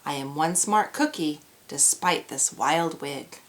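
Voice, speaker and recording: A woman's voice: sits low, takes it slowly, voice pushed down. A woman voicing a cheeky, confident young gingerbread girl from a storybook, delivering boastful rhymes in a sing-song way. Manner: sing-song rhyming taunts.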